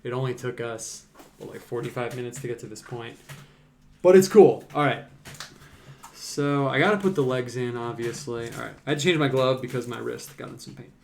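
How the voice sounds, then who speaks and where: A man's voice: mid-range voice, fairly quick, creaky, a little hiss or hum. A man chatting casually on a live stream as he paints, rambling loosely with lots of fillers. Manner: rambling, relaxed, many "like"s and fillers.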